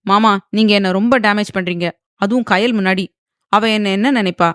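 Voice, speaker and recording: A woman voicing a teasing young man in an audio novel, speaking in playful, lively banter. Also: medium pitch, normal speed, no room sound, clean studio sound, close to an everyday voice.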